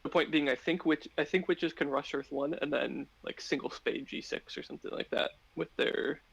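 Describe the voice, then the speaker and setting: A man's voice: a little high, fairly even intonation, normal speed, vocal fry, a bit bright, breathy edge, poor audio. A man talking through board game strategy on a live stream, thinking aloud with many fillers and restarts.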